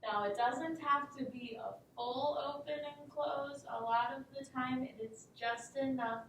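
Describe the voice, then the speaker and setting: A woman's voice: steady tone, unhurried, fairly bright tone. A woman acting as a teacher in a mock classroom lesson, patient and instructive. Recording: echoey room, distant mic, faint rumble.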